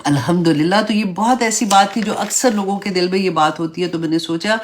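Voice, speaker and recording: A woman leads an online religious class in a relaxed, chatty manner. Her voice sits a little low for a woman. She slips English words into her explanations and keeps checking in with her students as she walks them through each point. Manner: conversational, mixes English words into Urdu; explains step by step, asks "right?" and "na?". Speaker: Islamic teacher.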